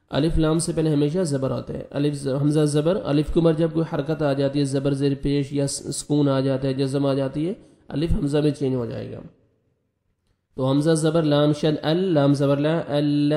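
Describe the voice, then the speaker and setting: Man teaching Quran recitation, syllable by syllable. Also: a little high. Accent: Pakistani Urdu. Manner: spells out each syllable by letter and vowel mark, then recites it slowly and loudly. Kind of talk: slow drawn-out recitation with quick explanations.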